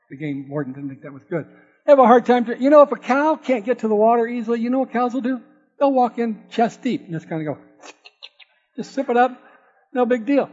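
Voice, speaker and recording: In a sermon built around storytelling, a man with a high, darkish-toned voice tells a folksy, playful tale about a farm and trades jokes with the listeners. The recording sounds dull and carries a long hall reverb.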